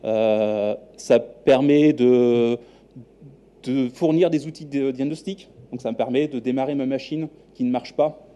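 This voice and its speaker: A man in his thirties with a French accent gives a live talk to a meetup crowd. His voice is very dark and mellow, sitting at a middle pitch. He speaks in a relaxed, hesitant way, full of fillers and restarts. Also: a little slow. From New Caledonia. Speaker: software architect giving a meetup talk. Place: meetup room.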